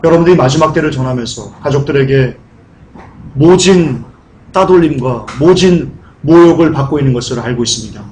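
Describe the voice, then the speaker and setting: A man preaching a sermon in a church, asking the congregation questions and rising into high, pleading cries. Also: lively intonation, brisk, darkish tone, a little hiss or hum. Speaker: pastor. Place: church sanctuary.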